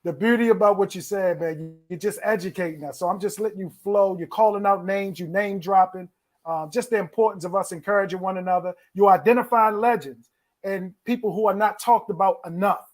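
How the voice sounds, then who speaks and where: A man's voice: sits high, a little fast. A middle-aged man hosting a virtual telethon over a video call, encouraging and repeating phrases for emphasis. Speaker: telethon host.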